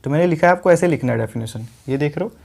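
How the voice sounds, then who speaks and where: A man with a slightly higher voice that has a gravelly edge walks his students through English pronunciation. He repeats each word slowly, checks in with them often, and keeps the tone of a patient classroom lesson. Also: a little mellow. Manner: explains pronunciation step by step, repeats words slowly; often adds "ठीक है" and addresses viewers as friends. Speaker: English teacher.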